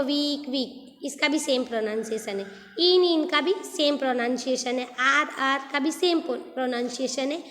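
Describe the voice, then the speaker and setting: Patient teacher lady spelling words out slowly for little kids, echoey room with a long reverb. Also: high voice, a bit bright. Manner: slow, patient, repeats and spells out words letter by letter. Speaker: school English teacher. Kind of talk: explaining homophones to young children.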